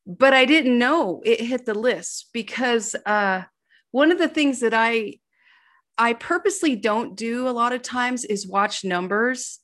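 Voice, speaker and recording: A middle-aged woman, an author guest on an interview show, telling stories with animated, self-deprecating energy and acting out quoted dialogue. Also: on the high side, a little slow. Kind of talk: casual interview storytelling.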